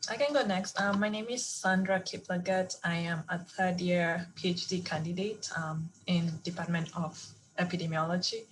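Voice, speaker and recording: Woman from Kenya, lowish voice. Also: fairly even intonation, moderate pace, few pauses, low-quality recording. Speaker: PhD candidate. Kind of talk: self-introduction on a video call.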